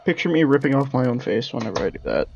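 A man's voice: medium pitch, fast talker, gravelly, lo-fi sound, a little hiss or hum. A man with a lisp and slushy s sounds, giving casual, jokey, sweary commentary while playing a game. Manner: animated, exclaiming, sweary, jokey. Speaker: gaming video host.

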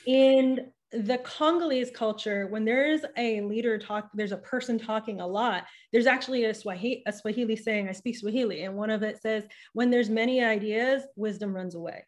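A young woman with a slightly high voice talks at a moderate pace, barely pausing, as a video-call podcast guest. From her home room with a bookshelf and patterned wall hanging, into a boom-arm studio microphone, she thinks things through in casual interview conversation, frequently restarting and animated with hand gestures.

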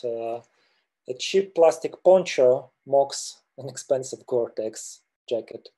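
A middle-aged man from Russia, a mountain guide presenting slides on a webinar over a webcam, speaking hesitantly with many filler pauses. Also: medium pitch, dark tone. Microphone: video call webcam.

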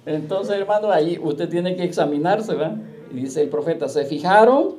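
A man pastor preaching a sermon, firing rhetorical questions at the congregation and slowing down to quote scripture. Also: fairly high pitch, expressive, mellow.

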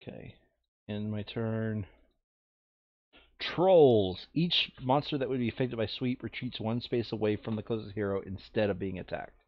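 On the low side and at normal speed, this man's voice comes through a dull lo-fi close mic with no room sound. He's a player in a tabletop board game playthrough, reading cards aloud and muttering casually through his moves.

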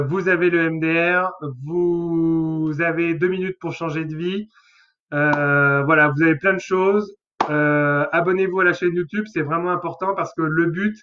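A man's voice: a little high, muffled recording. A man, a therapist hosting a live webinar, talking casually with many hesitations. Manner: chatty, hesitant with many fillers.

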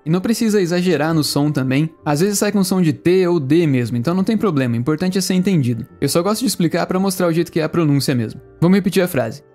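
A Brazilian man teaching English, friendly, explaining and repeating phrases slowly. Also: a little high, lively intonation, a little mellow, faint music behind. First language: Portuguese. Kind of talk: language lesson narration.

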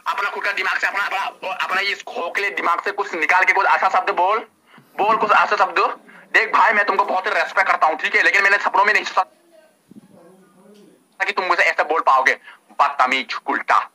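A man's voice: high-pitched, steady tone, fairly quick, crowd noise. A man ranting insults in a heated online live argument, repeating the same lines again and again. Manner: repetitive insulting rant. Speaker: live-stream participant.

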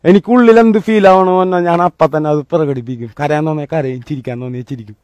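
A man giving a motivational talk, telling a personal story in a colloquial, animated way that swings between loud and hushed. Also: fairly high pitch, racing, dry recording. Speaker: motivational speaker.

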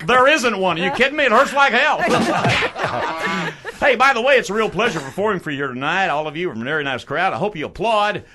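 A man's voice: sits high, sing-song, fairly quick, pushed and bright, exaggerated voice. A man playing a corny old-school borscht belt stand-up comic, firing off hammy one-liners and laughing at his own gags. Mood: hammy, gleeful. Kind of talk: stand-up comedy routine.

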